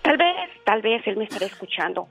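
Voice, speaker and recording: A woman in her forties calling in to a radio show, telling a painful personal story in an earnest, halting way with many fillers and restarts. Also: medium pitch, sing-song, vocal fry, a bit bright, breathy edge, faint music behind. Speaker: radio caller. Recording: dull lo-fi radio line.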